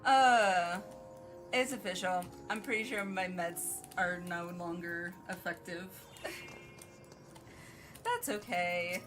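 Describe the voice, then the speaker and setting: A woman's voice: fairly low pitch, slow, pauses often, music in the background. A young adult woman streamer chatting casually with her viewers, giggly, self-mocking and emotional. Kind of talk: casual live-stream chat.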